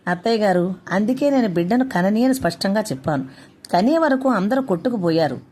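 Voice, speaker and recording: A woman's voice: medium pitch, expressive, brisk, a little mellow, natural voice. A woman voicing an indignant young working mother who argues sharply with her husband in a read-aloud story. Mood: angry.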